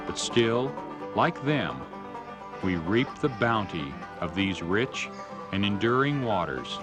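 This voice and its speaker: A man narrating a scripted nature documentary in a measured, storytelling way. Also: on the low side, very animated, over loud music.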